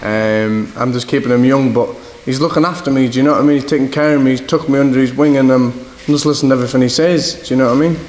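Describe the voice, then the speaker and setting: A young boxer from Scotland with a northeast English accent rambles through stories in casual interview answers, often repeating "do you know what I mean." His mid-range, darkish voice holds a steady tone, and he talks fast with few pauses. The echoey hall carries faint background noise.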